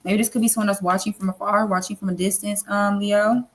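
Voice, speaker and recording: A woman's voice: mid-range voice, flat delivery, fast. A woman giving a casual tarot reading, rambling and repeating herself, with lots of fillers and the odd casual swear. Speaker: tarot reader.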